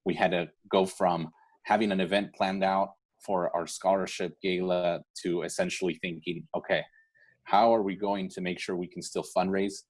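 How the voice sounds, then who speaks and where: Leading a scholarship foundation's online awards ceremony, a man speaks informally and earnestly, encouraging listeners and often asking "right?". His voice sits low, with a flat delivery at a normal speed.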